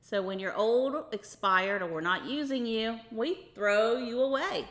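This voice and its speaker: A woman's voice: a little high, animated, a little slow, fairly bright tone. A woman hosting a children's show, teaching in a sing-song, encouraging way as she talks to kids and a puppet. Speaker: kids' show host.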